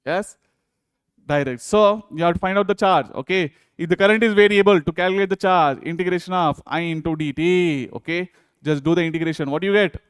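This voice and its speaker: This physics lecture comes from a man with an Indian accent whose high voice moves a little fast and sounds clear and resonant. Recorded dry with clean studio sound, he solves exam problems step by step, often pausing to check in with students through repetitive questions.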